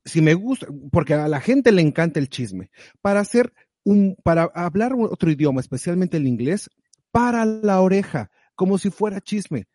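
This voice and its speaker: Animated motivational man, dry close sound. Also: sits high, normal speed, dry recording. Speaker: guest sharing advice. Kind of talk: casual conversational advice.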